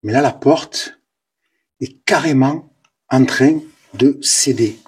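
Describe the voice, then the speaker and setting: A man with a southern French Provençal accent narrates his urban exploration into a camera mic as he moves through abandoned ruins. His voice sits at an ordinary middle pitch. He talks excitably, repeats himself and often sinks into hushed mutters over a faint background hiss. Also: takes it slowly. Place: ruins of an old abandoned building.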